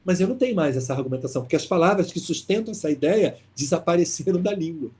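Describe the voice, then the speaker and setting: A man leading an online literature class in a casual, lively way, reading passages and asking rhetorical questions. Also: fairly high pitch, fast, slightly rough. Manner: lively, talkative, exclaims and asks rhetorical questions. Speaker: literature teacher leading a course.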